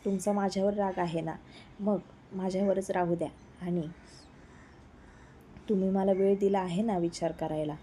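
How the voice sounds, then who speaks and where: A woman's voice: medium pitch, steady tone, normal speed, long pauses, dark tone, slight background noise, natural voice. A woman voicing a proud young woman who speaks in a reproachful way, in a spoken romance story.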